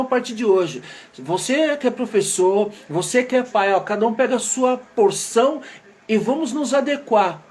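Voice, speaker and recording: High-voiced Brazilian man telling a moral tale. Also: a little mellow. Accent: Brazilian Portuguese. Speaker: educator and storyteller. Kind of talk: moralizing storytelling.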